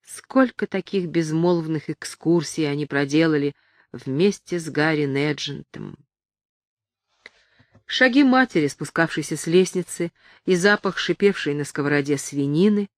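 Lady reading an audiobook, steady and measured, dry close mic. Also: on the low side, no room sound. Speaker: audiobook narrator. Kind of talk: scripted narration of a novel.

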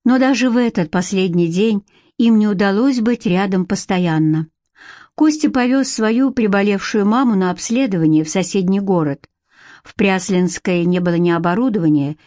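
A woman's voice: mid-range voice, normal speed, dark tone, no echo. Woman narrator, dry close studio read. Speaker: audiobook narrator. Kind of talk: scripted narration.

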